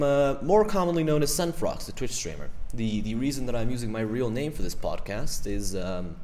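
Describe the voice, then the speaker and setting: An eighteen-year-old Ecuadorian man with an Ecuadorian accent hosts his own podcast from a room at home, his voice low and darkish. It's a casual, rambling solo monologue full of fillers and self-deprecating asides.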